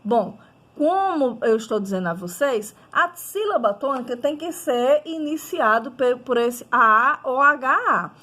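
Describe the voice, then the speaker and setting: A woman's voice: high voice, expressive, measured pace, sharp tone. A woman with a Brazilian Portuguese accent teaching a grammar lesson, methodically posing questions and answering them herself while checking in with her students. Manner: checks in with listeners often. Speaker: Spanish teacher.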